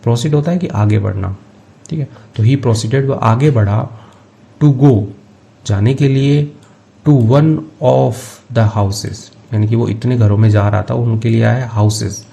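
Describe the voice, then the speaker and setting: A man teaching English, reading each phrase of a story slowly and then explaining it. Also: mid-range voice, creaky, dark tone. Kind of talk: line-by-line translation lesson.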